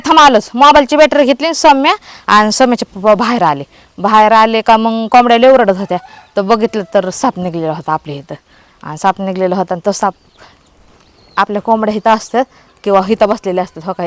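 Fast-talking village woman storyteller. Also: fairly high pitch, no echo. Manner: animated retelling with quoted dialogue. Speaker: vlogger. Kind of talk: casual storytelling vlog.

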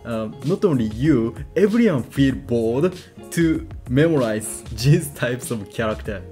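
A man with a Japanese accent teaching a casual language lesson, repeating syllables slowly for drills and saying "okay" often. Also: mid-range voice, expressive, warm tone, soft background music.

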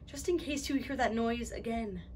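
Casting: young woman as a shaken teenage heroine, sorrowful, highish voice, dramatic stage monologue, faint noise in the recording. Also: normal speed, a little mellow, lightly acted. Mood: sorrowful, resigned. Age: young adult. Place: indoors before a backdrop.

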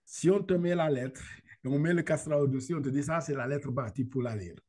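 A man's voice: a little high, fairly quick, darkish tone. A man teaching how to read the Quran over a video call. He talks casually, laughs often, repeats syllables and slips into English. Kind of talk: casual online lesson.

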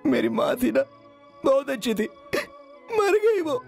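A young beggar who pleads for work, then drinks and pours out his grief in a tearful, rambling voice. The voice sits very high, with soft film music underneath. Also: sing-song, a little slow, creaky, heavily acted. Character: young man, a drunk, grieving beggar begging for work. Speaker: dubbing actor voicing a young man. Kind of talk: Hindi film dub.

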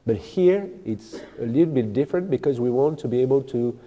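A man giving a technical keynote talk at a conference, speaking haltingly with many fillers and restarts. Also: medium pitch, expressive, warm tone. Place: large lecture hall with audience. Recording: echoey large hall.

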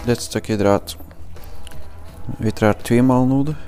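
A man, a motorcycle builder explaining his work in a workshop in a relaxed, hesitant way with many fillers. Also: mid-range voice, slow pace, soft background music. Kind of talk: explaining while working.

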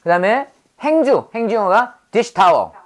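A woman teaching an English vocabulary lesson, lively and drilling her learners with prompts to repeat after her. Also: fairly high pitch, unhurried.

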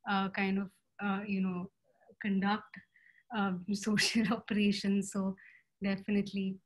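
A woman's voice: medium pitch, monotone, measured pace. A woman in her thirties speaking on a video call from home, hesitant, with many fillers and restarts. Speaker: panelist artist. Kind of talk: casual video call discussion. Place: home room indoors. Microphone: laptop webcam video call.

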